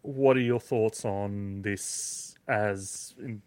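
A man's voice: lowish voice, steady tone, very slow, a little mellow, no echo. Hesitant man co-hosting a gaming chat. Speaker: podcast co-host.

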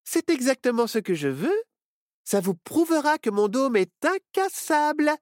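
A proud little girl witch in a storybook, bubbly and sure of herself, as a woman puts her on. Her voice sits high and leaps around in pitch. The recording is close and dry. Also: a little slow, dry recording. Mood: lively. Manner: lively, boastful.

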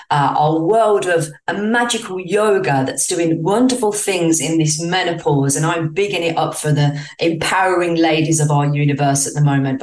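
A woman with a British accent hosting a podcast interview, speaking in an effusive, gushing way full of spiritual phrasing. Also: fairly low pitch. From Britain. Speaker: podcast host. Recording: roomy echo, distant from mic.

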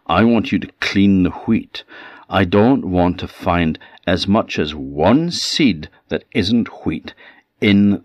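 A man's voice: low voice, no room sound. A man voicing a demanding old witch woman who gives orders and threatens, on a dull lo-fi recording. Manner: bossy, threatening commands.

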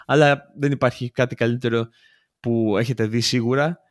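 A man with a plain, mid-pitched voice trades banter on a football podcast. He likes to repeat short phrases for comic effect and talks straight to the listeners. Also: fairly even intonation. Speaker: podcast co-host. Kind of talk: casual football chat.

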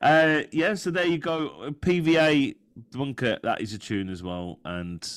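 A man's voice: mid-range voice, a little slow, no room sound. Male podcast co-host, jokey track intros, dry close sound. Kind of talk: casual chat about music.

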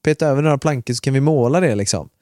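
A man co-hosts a podcast and tells a rambling everyday story in a loose, conversational way. His voice sits in a middle register. He leans on filler words and drops in casual swearing, and the sound is close and dry with no room echo. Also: medium pitch. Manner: relaxed and chatty, with frequent filler words and mild swearing. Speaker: podcast co-host. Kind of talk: casual chat, telling an anecdote.

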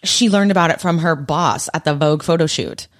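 A woman co-hosting a casual podcast, quick to react and often giggling. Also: low-pitched, dry recording, clean studio sound. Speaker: podcast co-host.

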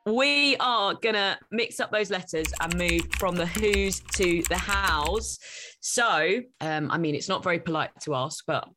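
A woman's voice: fairly low pitch, unhurried, over music. A woman speaking as an interviewer in a casual, informal chat, reacting readily.

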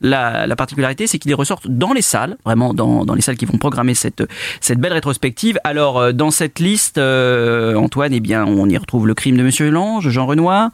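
A man's voice: mid-range voice, animated, brisk, dry recording, clean studio sound. A man hosting a radio film segment, talking with many fillers and restarts. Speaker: radio show host. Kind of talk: cultural radio chat.

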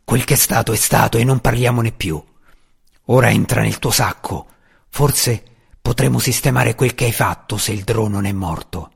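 A man reading an audiobook, voicing a brutal male bounty hunter who growls his lines slowly and menacingly. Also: medium pitch, creaky, breathy edge. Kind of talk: audiobook character voice.

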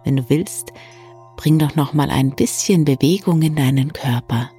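A person gently guiding an evening relaxation in a soft, hushed, soothing voice with long pauses. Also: mid-range voice, husky. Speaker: meditation guide and bedtime story reader. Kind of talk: soft, soothing guided meditation for bedtime. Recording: soft new-age music bed. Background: calm new-age music.

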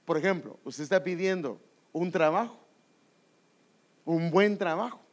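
A man's voice: a little high, measured pace. A man preaching a sermon, emphatic and repetitive, often asking the congregation questions.

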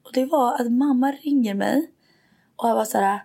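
A woman's voice: fairly high pitch, vocal fry, dark tone. A young woman from Sweden, co-hosting a podcast, telling stories animatedly and mixing in English and swearing. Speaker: podcast co-host. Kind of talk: casual chat.

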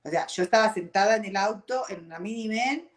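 A woman's voice: medium pitch, fairly quick. A woman in her forties with an Argentine Spanish accent, hosting a casual personal talk, often checking in with "ok?" and mixing in English words. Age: 40s. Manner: expressive, tags sentences with "¿ok?", drops in English words. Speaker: show host. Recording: roomy echo.

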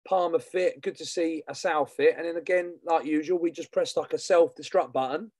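A man talks in a slightly high-pitched voice, recorded very dry. He co-hosts a casual football show. His delivery is chatty and colloquial, full of banter. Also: fairly even intonation, moderate pace, a little mellow, no room sound. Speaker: podcast co-host.

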